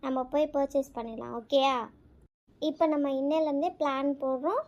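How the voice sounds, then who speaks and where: A woman voicing a heartbroken but caring young friend in a cartoon, who talks softly and tearfully. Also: high-pitched, fairly even intonation, brisk, dull audio. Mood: encouraging. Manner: soft, tearful.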